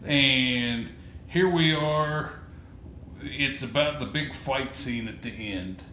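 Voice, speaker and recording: A man's voice: medium pitch, slow pace, bright, forceful tone. A man on a casual podcast chat, blunt and wry, cursing freely. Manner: blunt, swears a lot, wry. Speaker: podcast co-host. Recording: echoey room with faint background noise.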